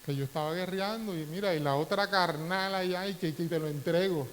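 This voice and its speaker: A man's voice: high-pitched, fairly quick. A middle-aged man, a pastor from the Dominican Republic, preaching a sermon and telling personal stories with rising emotion. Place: church hall. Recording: faint hiss, long church reverb.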